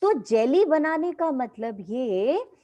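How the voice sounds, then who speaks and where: A woman teacher explaining a story chapter to her students. She retells its dialogue and talks to them warmly as "beta". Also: sits high, sing-song, slow pace.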